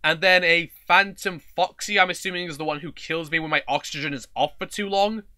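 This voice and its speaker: A young man doing casual horror game commentary, excitable and easily scared, often repeating himself. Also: a little high, fairly quick, dry recording, clean studio sound. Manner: excitable, jumpy, scared reactions, repeats phrases. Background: loud game music and sounds.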